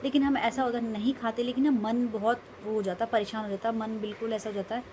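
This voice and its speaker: A woman's voice: fairly high pitch, fairly even intonation, fast talker, a little mellow, slight background noise. A young woman vlogging casually, telling a rambling, emphatic story about her day. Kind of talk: casual vlog monologue.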